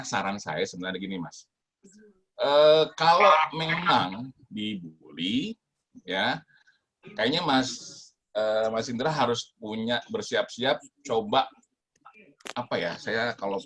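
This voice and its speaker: A man's voice: medium pitch, expressive, measured pace, fairly bright tone, slightly rough. A male comedian giving casual advice, joking about himself and acting out both sides of old banter with friends. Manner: self-mocking, acts out both sides of quoted banter. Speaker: comedian guest.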